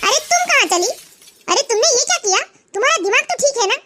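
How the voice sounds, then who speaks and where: A woman voicing a harsh older mother-in-law who scolds and threatens in a shrill voice. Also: big pitch swings, quick pace, background noise. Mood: scolding.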